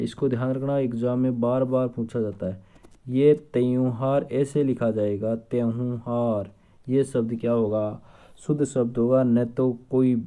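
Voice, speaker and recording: Male teacher, very dark mellow tone, drills students with rapid question-and-answer. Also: mid-range voice. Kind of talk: exam-prep spelling lesson.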